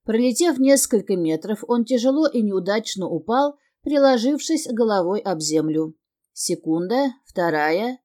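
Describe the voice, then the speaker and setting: A woman narrating a fantasy novel in the first person with steady, expressive storytelling. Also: mid-range voice. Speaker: audiobook narrator.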